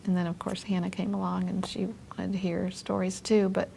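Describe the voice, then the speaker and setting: Middle aged mom type woman, casual chat, lots of vocal fry, thinks out loud, bit of background noise. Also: lowish voice, level tone, fairly quick. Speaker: interview guest, a mother. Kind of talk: casual chat, recounting experiences.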